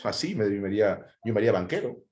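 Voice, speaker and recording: A man's voice: fairly low pitch, big pitch swings, quick pace, darkish tone. A man teaching a live history class, talking conversationally and asking students rhetorical questions. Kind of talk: live online class lecture. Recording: echoey room.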